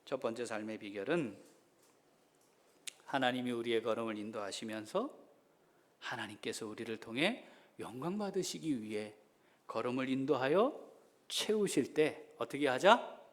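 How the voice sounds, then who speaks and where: A middle-aged man, a senior pastor, preaching a sermon that swings between loud exhortation and soft, intimate asides. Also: mid-range voice, expressive, normal speed, pauses often.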